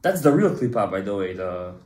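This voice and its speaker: A man's voice: on the low side, sing-song, a little fast, a little mellow. A man in his thirties, a rabbi giving an emphatic Torah class to a small group and quizzing his listeners. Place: synagogue study room, indoors. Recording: roomy echo.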